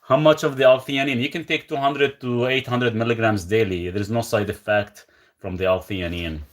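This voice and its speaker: A man from Lebanon hosts a live stream from his rural country home, speaking at normal speed in a mid-range voice. He's relaxed and rambling, reading viewer questions aloud and then answering them.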